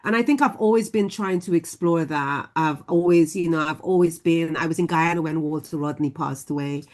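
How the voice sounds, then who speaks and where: A woman poet on a panel discussion, speaking thoughtfully and haltingly with many restarts. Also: deep voice.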